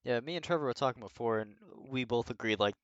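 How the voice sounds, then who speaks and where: A man co-hosting a podcast, rambling and animated as he talks about racing, with casual swearing. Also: mid-range voice, quick pace, dry recording, dull audio. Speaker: co-host.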